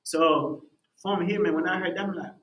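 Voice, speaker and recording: A man's voice: high voice, moderate pace, muffled recording. A young man, a music artist and podcast guest, talking casually and telling his story with lots of "bro" and "man". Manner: animated storytelling, says "bro" often. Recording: roomy echo.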